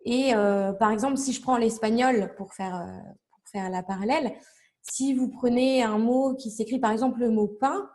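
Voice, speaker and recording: A young woman talks casually as an interview guest, explaining at length with plenty of fillers and self-corrections. Her voice sits a little high but sounds soft and mellow rather than bright. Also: moderate pace. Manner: chatty, many fillers and restarts, explains with examples. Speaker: interview guest, language learning blogger.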